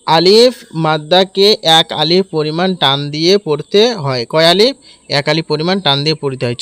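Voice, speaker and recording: A Bangladeshi Bengali man leads a Quran reading lesson, slowly spelling out each letter and drawing out its vowel. His voice sits a little high and sounds smooth and clear. The recording is close and dry. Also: a bit bright, no echo. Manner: slow drawn-out syllables when reciting, quick explanations between.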